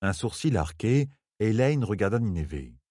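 A man narrating an audiobook in an expressive, measured way. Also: lowish voice, husky, dry recording, studio quality.

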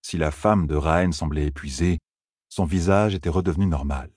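Deep husky male audiobook narrator. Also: moderate pace, no room sound, studio quality. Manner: expressive storytelling. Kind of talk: scripted narration.

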